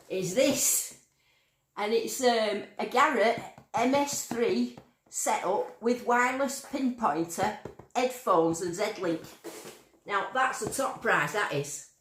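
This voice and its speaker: She's a metal detecting streamer from Lancashire, chatting informally and reading out what viewers write. Her voice is medium-pitched and a bit bright, with reverb and slight background noise, and her northern accent sounds a touch Yorkshire.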